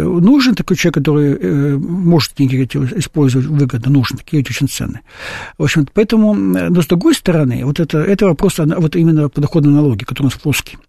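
Fast, gravelly, husky-voiced man. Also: a little high, warm tone, no echo, clean studio sound. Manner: emphatic, keeps asking "understand?". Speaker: guest. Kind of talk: interview answers.

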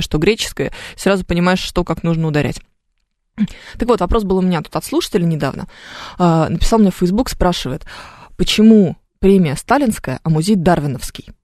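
A woman's voice: fairly low pitch, a little mellow, dry recording. Chatty woman radio host, dry studio sound. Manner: chatty, explanatory, thinks aloud. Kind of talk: live radio call-in chat about language. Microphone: studio mic.

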